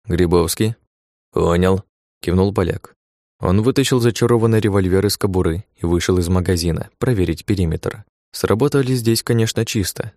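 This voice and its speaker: Deep-voiced man narrating an audiobook. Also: a little mellow, no room sound, clean studio sound.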